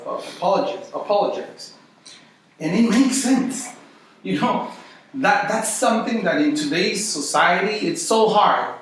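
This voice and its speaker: Echoey, high-voiced man with Guatemalan accent. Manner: conversational, uses rhetorical questions and repetition for emphasis. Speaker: Bible study teacher. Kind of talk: informal teaching to a small group. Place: echoey indoor room. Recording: echoey room, distant mic, faint noise.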